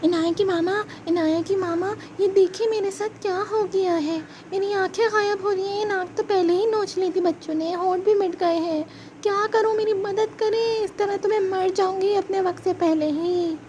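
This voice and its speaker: Woman playing a high, whiny child doll, overdramatic, puppet show. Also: steady tone, moderate pace, darkish tone, a little hiss or hum. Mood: wailing. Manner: wailing, overdramatic pleading. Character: panicky little girl doll, whiny and dramatic.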